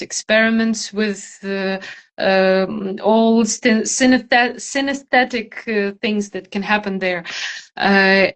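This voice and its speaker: A woman with a Ukrainian accent giving thoughtful interview answers, hesitating as she searches for words. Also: mid-range voice. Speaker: interview guest, theater maker.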